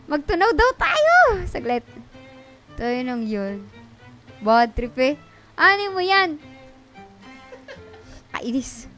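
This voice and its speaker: A young woman hosts a casual game livestream in a high, animated voice. Her tone is bright and her pace slow between loud, sudden shrieks and curses. Faint music plays behind her. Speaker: game streamer.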